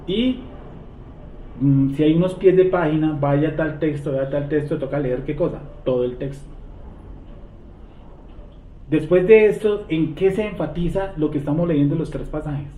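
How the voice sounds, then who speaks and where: His voice fairly high and mellow, a man teaches scripture to a class at normal speed, pausing often and answering his own rhetorical questions. A distant mic in an echoey room gives a tinny sound with a slight hiss or hum.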